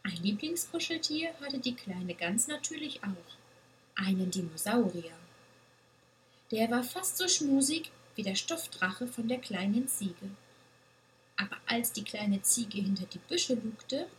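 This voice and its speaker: A woman reading a children's story aloud with a gentle, expressive manner. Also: fairly high pitch, slight background noise, poor audio.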